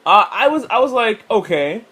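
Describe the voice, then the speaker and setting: A man's voice: high voice, lively intonation, fairly quick, fairly bright tone. A man co-hosting a casual reaction chat about a games showcase, rambling through his notes and swearing freely. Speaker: co-host.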